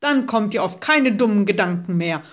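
A woman voicing an arrogant, angry male king in a storybook, loud and domineering. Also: mid-range voice, lively intonation, normal speed, close to an everyday voice. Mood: indignant.

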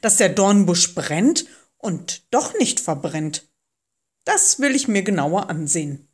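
A woman's voice: lowish voice, big pitch swings, slow, breathy edge, heavily acted. A woman voicing a frightened, hesitant shepherd man who pleads anxiously, in a read-aloud storybook. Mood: amazed.

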